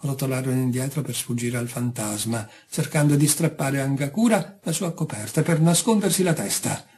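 A man reading a short story aloud, calm and measured. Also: medium pitch, breathy edge. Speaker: audiobook reader. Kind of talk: scripted narration.

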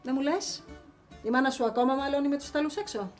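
An actress playing a brisk, sharp-tongued woman. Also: sits high, soft background music, natural voice. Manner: brisk, dry, scolding. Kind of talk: sitcom acting.

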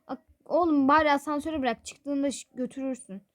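Woman doing a nagging mom, high voice, sighs and grumbles, toy-game role-play. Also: normal speed, lightly acted. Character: fussy scolding mother of a family.

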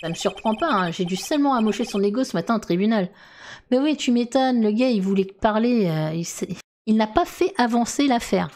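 A woman's voice: a little high, expressive, brisk, darkish tone. A woman streamer giving blunt, casual commentary while playing a video game. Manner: blunt, swears freely. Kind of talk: casual let's-play commentary.

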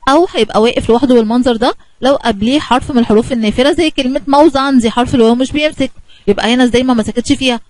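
A woman with an Egyptian Arabic accent teaches small children, quick and bright, coaxing them with questions. Her voice sits a little high, and the close recording is dry with no room sound. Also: no room sound, poor audio. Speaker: kindergarten teacher. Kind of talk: children's lesson narration.

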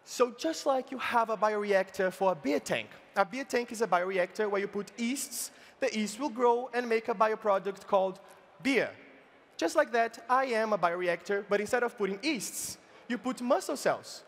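A man voicing Lady Bai, a posh female bioreactor machine, speaking in a put-on British accent and explaining slowly and patiently. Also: sits high. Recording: reverberant live event hall.

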